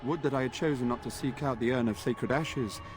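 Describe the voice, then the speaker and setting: An actor playing an earnest, weary knight in a video game, speaking in formal, courtly phrases. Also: male voice, medium pitch, brisk, lightly acted. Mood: solemn. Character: earnest knight sworn to a noble lord, weary and dutiful. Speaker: game character.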